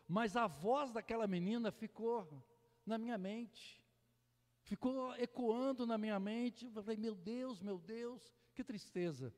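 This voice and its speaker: A male Brazilian pastor preaching a fervent sermon, full of hallelujahs, moving between loud exclamations and hushed storytelling. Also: sits high. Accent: Brazilian Portuguese. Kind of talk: Pentecostal sermon. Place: church sanctuary. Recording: long hall reverb in a church.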